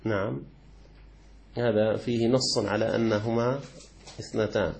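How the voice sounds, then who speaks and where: A man's voice: on the low side, fairly even intonation, creaky, darkish tone, a little hiss or hum. A man, a sheikh teaching a lesson on a classical jurisprudence text, who explains patiently, repeats key words, and asks and answers his own questions. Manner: chants the call-to-prayer words slowly.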